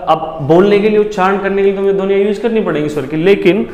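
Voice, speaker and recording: A man's voice: high voice, fast, darkish tone. A male teacher giving an exam-prep lesson, asking the class questions, answering them himself and repeating key words. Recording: echoey room with long reverb.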